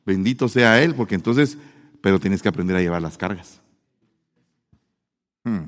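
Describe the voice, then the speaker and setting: A man preaching a sermon with humor, animated and playful, acting out the voices he quotes. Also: sits low, normal speed, long reverb tail.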